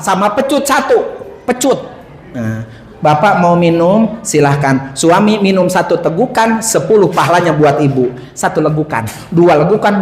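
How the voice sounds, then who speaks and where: High-voiced joking preacher in an echoey mosque. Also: male voice. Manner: joking, teasing the audience with animal impressions. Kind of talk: humorous sermon to a congregation. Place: mosque hall. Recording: echoey mosque hall sound.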